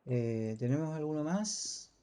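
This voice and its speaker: A man's voice: on the high side, a little slow, smooth. A man teaching a casual online class over a video call, hesitant and full of fillers. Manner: relaxed, hesitant, many fillers.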